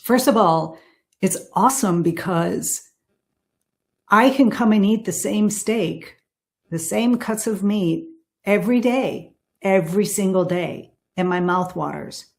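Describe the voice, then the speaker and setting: A woman in her sixties appears as a guest on a podcast, speaking slowly in a creaky, mid-range voice during a casual interview. She's earnest and emphatic, repeating key words.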